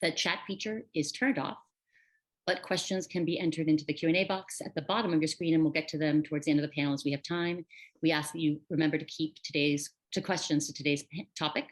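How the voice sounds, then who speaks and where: A woman host reading brisk, businesslike housekeeping announcements before an online panel over a video call. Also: deep voice, steady tone. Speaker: event host.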